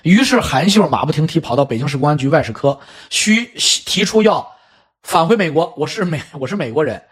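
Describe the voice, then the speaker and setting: Husky, animated middle-aged storyteller man. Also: a little high. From China. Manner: animated, chatty, with spoken asides. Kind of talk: casual storytelling commentary.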